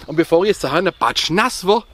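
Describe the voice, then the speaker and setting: A man with a Swabian accent explains dialect words in an informal way. His voice sits slightly high and moves up and down in a very animated melody. He talks directly to his viewers as their presenter. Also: moderate pace.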